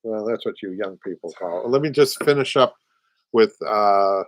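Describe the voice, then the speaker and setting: A man's voice: on the low side, moderate pace, no echo, poor audio. An older man with a Boston accent, hosting a casual live show and chatting while he reads out viewer comments. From Boston area, USA. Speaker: host, upholsterer. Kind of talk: casual live-stream chat.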